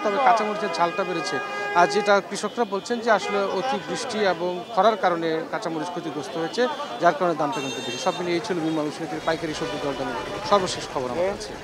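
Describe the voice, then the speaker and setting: Fast-talking male reporter in a busy market. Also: high-pitched. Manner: fast, filler-heavy live reporting. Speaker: field reporter. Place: busy outdoor wholesale market. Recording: noisy crowd around the field mic. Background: crowd chatter.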